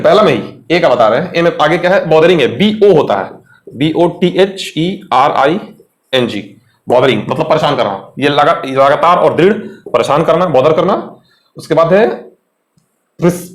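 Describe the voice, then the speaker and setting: Speaking quickly and with animation, a young Indian-accented man with a slightly high voice runs an exam vocabulary lesson in a roomy-sounding room. He blends Hindi with English in a chatty way and often puts questions to his students.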